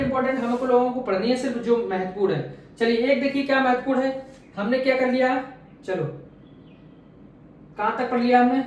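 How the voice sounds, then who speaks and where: A man teaching an exam-prep class, asking quiz questions and answering them himself, drilling each answer by repeating it. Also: extremely high pitch. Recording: very echoey room, voice far from mic.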